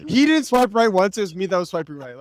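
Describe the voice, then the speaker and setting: A playful man co-hosting a casual podcast talks fast and jokes with the guest. His voice is high. His tone is smooth and clear. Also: big pitch swings, no echo, studio quality. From Canada. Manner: playful, joking banter. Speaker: podcast co-host.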